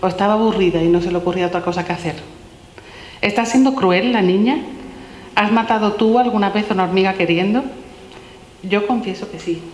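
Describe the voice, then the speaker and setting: A woman presenting her children's philosophy book reads its questions aloud to the audience in a mid-pitched voice, fairly quick but with long pauses, keeping up a stream of gentle questions. The large hall at the public talk echoes with long reverb, and there's a little hiss or hum.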